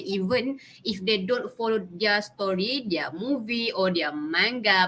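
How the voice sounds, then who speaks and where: Slow-talking Malaysian-accented young woman. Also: fairly high pitch, fairly bright tone. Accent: Malaysian English. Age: 20s. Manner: chatty, giggly, mixes in Malay words. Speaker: student presenter. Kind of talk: casual class presentation.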